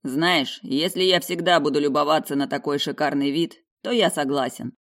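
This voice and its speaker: A woman's voice: low voice, normal speed, a bit bright. A confident nobleman with a pompous, self-satisfied intonation, voiced by a woman reading the audiobook. He stays close to the narrator's own voice, marked more by attitude than by any change of tone. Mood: smug. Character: confident male duke, pompous and teasing.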